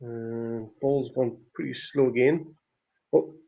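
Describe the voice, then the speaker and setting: Here a man hosts a live football watchalong, offering relaxed, biased commentary and exclamations as the game happens. His voice is mid-range, slow, creaky and warm, and the recording is rough.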